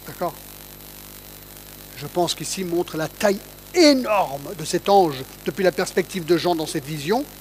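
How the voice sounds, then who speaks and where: A man's voice: sits high, lively intonation, unhurried, pauses often, slight background noise, rough recording. A man giving a conversational Bible teaching, reading verses aloud and often checking in with his listeners. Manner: asks listeners to check in, reads scripture aloud.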